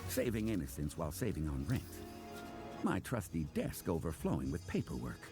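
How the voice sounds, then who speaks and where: Cartoon crocodile private eye: gravelly, self-important hard-boiled narrator, very animated, music underneath. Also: male voice, low-pitched, moderate pace. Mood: brooding, grandiose. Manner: theatrical, self-important, melodramatic. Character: gruff male crocalike detective, hard-boiled, self-important, hard-working. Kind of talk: hard-boiled detective narration in audio drama.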